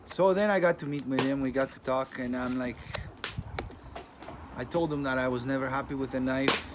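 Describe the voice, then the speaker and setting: A man's voice: mid-range voice, fairly even intonation. Greek-accented man, noisy recording. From Greece. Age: 30s. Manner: plain-spoken, unhurried, non-native phrasing. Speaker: channel host. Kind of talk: casual talk to camera. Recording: noisy with clicking sounds.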